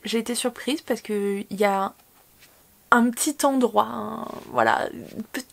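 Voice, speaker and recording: A woman's voice: on the high side, a little slow, creaky. A woman book vlogger chatting casually, rambling with many fillers and self-corrections. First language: French. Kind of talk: casual chat.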